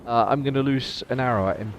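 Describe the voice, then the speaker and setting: This tabletop game player talks at a quick pace in a mid-range voice, with slight background noise on his podcast mic. His casual game chat is talkative and self-deprecating, with the odd bit of counting aloud.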